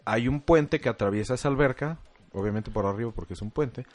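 A man's voice: mid-range voice, a little fast, dry recording. A man with a Mexican Spanish accent, co-hosting a podcast, telling profane jokes and stories in casual banter. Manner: profane, joking, storytelling. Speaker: podcast co-host.

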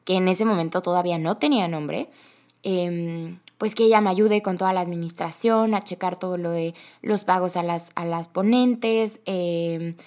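Young Mexican woman, chatty and animated host telling a story. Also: on the low side. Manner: chatty, animated, quick bursts with laughter. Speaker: podcast host. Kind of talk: casual storytelling monologue.

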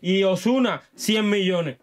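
A man from Cuba co-hosting a casual comedic podcast, making his case calmly with examples. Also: sits high, takes it slowly, crowd noise. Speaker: podcast co-host.

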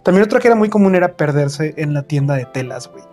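A young man with a Mexican accent, co-hosting a casual chat with relaxed, slang-heavy banter and easy laughter. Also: on the high side, fast, faint music behind. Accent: Mexican Spanish. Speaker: podcast co-host.

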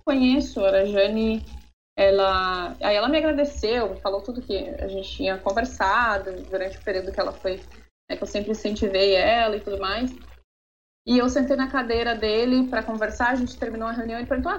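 A woman's voice: mid-range voice, vocal fry. A Brazilian woman in her thirties, an interviewee telling personal stories in an earnest way and often tagging her sentences with a questioning word. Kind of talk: reflective personal storytelling. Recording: slightly dull audio with faint noise.

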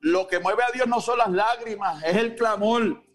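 Very high-voiced man preaching fervently. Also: measured pace, faint music behind. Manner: exclamatory, calls out to listeners by name; bursts into shouts. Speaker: pastor. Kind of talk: sermon.

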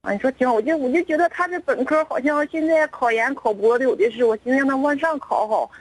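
Middle-aged northeastern chinese lady on a radio call-in, talks fast, dry sound. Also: high voice, dry recording, rough recording. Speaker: caller. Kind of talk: casual phone call seeking advice.

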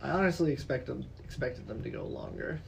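A woman's voice: a bass voice, fairly quick, gravelly, far from the mic, a little hiss or hum, rough recording. A woman guest on a casual podcast, joking and laughing with friends. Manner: animated, joking, laughs often.

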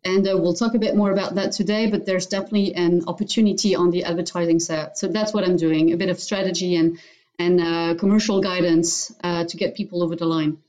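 A woman's voice: lowish voice, fairly even intonation, fast, warm tone. A woman guest on a business podcast, describing her work confidently with filler words. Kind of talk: casual podcast chat.

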